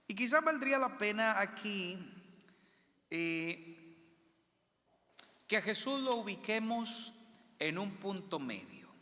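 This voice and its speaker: A man's voice: sits high, sing-song, takes it slowly, pauses often, pushed and bright. A male priest giving a homily, often asking the congregation questions and repeating their answers aloud. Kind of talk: interactive homily. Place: church. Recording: long church reverb.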